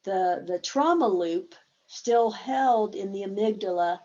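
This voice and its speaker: A woman therapist hosting a webinar, explaining her methods slowly and casually. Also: mid-range voice, a little mellow, dull audio.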